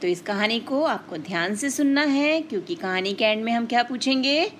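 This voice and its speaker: A woman teacher delivers a scripted storytelling lesson with a moral to children, explaining in a didactic way and putting questions straight to them. Her voice is fairly high and expressive, at normal speed, with a little hiss or hum.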